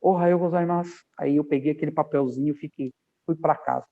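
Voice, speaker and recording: A man's voice: fairly high pitch, fairly quick, vocal fry. A man from Brazil, a guest on an interview podcast, telling stories from his working life and acting out the dialogue he quotes. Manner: animated storyteller, acts out quoted dialogue. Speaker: podcast guest, aviation professional. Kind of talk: casual interview storytelling. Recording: tinny phone-like line.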